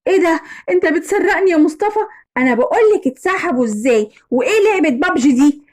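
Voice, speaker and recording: A woman's voice: extremely high pitch, animated, fast, a little mellow. A woman with an Egyptian accent voicing an indulgent wife and mother who coaxes her husband. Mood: pleading.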